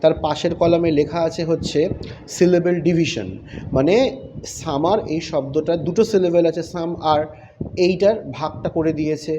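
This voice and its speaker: A man's voice: on the high side, steady tone, moderate pace. A man teaching an English vocabulary lesson to young students, explaining patiently step by step and asking questions that he then answers himself. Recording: slightly dull, lightly noisy recording.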